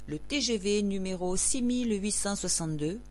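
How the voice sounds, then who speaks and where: A woman announcer reading scripted public announcements, like those at an airport or station, in a formal, measured way. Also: medium pitch, lively intonation, darkish tone, a little hiss or hum.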